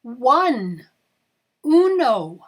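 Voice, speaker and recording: A woman's voice: high voice, big pitch swings, very slow, poor audio. A woman speaking as a kids show host, addressing young children in a sing-song way and getting them to repeat after her. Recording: children's music behind the voice. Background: children's music.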